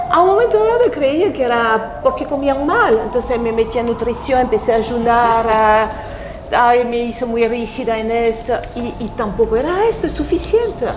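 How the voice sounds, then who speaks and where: A woman from France speaking Spanish with a French accent, calmly explaining her work as an interview guest, with pauses and restarts. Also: a little high, echoey room, very noisy. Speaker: guest, NLP practitioner. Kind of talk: interview conversation.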